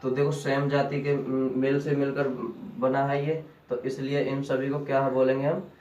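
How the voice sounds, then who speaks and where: A man teaching a grammar lesson at a slow, deliberate pace, asking a question and then answering it himself. His voice reaches the mic from a distance across an echoey room, with pitch sitting in the middle for a man. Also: flat delivery, darkish tone, highs cut off. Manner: repeats key terms as questions to students.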